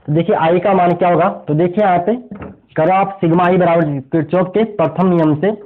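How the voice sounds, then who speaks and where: A man with a high voice teaching an exam revision lesson in physics. He walks through each step and keeps asking the class questions he answers himself. The sound is thin and tinny, like a phone line. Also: steady tone, a little fast. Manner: explains step by step, poses rhetorical questions to students. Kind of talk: exam revision lecture at a board.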